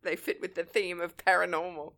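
A woman from England co-hosting a casual podcast chat, quick and giggly, acting out little quoted lines as she riffs. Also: fairly low pitch. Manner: quick, giggly, animated storytelling with voiced quotes. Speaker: podcast co-host.

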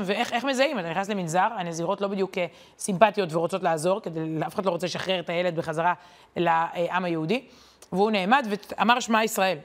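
A woman giving a weekly Torah lesson in a conversational, animated way, often pausing on hesitation fillers. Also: medium pitch. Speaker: Torah teacher.

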